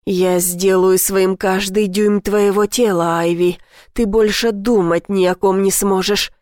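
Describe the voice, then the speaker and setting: Brief: woman doing a possessive young male lover for an audiobook, husky low murmur, dry close sound. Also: steady tone, a little slow, a little mellow, no echo, lightly acted.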